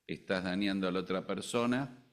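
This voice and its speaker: An older man from Argentina delivers a sermon in his native Argentine Spanish accent. His voice sits very low and deep. He speaks in an animated way, with humorous asides and loud rises for emphasis. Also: moderate pace. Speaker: preacher.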